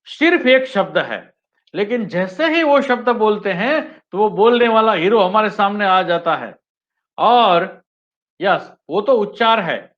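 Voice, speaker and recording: High-voiced man giving an online training talk. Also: animated, measured pace, fairly bright tone. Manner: addresses listeners as friends, often repeating "yes friends"; switches between Hindi and English sentences. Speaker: teacher trainer. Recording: dull lo-fi webinar audio.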